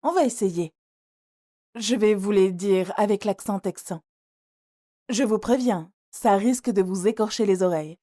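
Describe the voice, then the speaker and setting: A woman's voice: medium pitch, a little slow, mellow, natural voice. A woman voicing a cultured, playful young American singer in an audiobook, speaking politely. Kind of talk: audiobook character reading.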